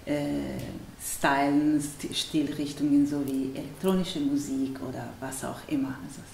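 A woman's voice: very deep voice, fairly even intonation, unhurried, creaky, darkish tone. A woman in her thirties from Italy with an Italian accent, a musician answering interview questions hesitantly, searching for words. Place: bright room with large windows. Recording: roomy sound from a distant mic with faint noise.

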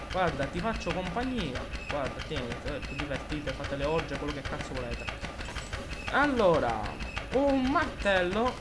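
A young man from Sicily with a Sicilian Italian accent, commenting on a horror game while playing, nervous and swearing, joking with his viewers. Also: sits high. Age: young adult. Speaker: gameplay commentator. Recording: noisy home recording.

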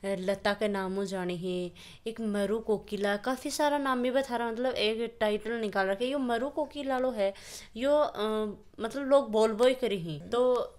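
A woman's voice: a little high, a little slow. Chatty Rajasthani woman interviewer. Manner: chatty, loosely phrased questions with fillers. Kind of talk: casual interview questions.

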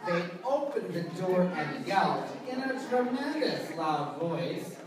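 A storyteller reading a children's story aloud to a live audience in an animated, theatrical way, acting out sounds and voices. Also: mid-range voice, slow pace, a crowd in the background. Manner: theatrical, acts out sound effects and shouts. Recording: echoey room, distant mic, audience behind.

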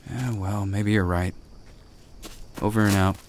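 A man's voice: fairly low pitch, fairly even intonation, a little slow, a little hiss or hum, close to an everyday voice. A man playing a shaken survivor lost in the jungle. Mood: resigned. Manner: shaken, urgent, searching. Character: confused stranded man in the jungle.

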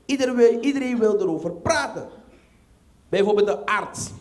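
A man with a Surinamese Dutch accent performing a stand-up comedy set, telling stories animatedly and acting out scenes with loud exclamations. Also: high-pitched, expressive, normal speed.

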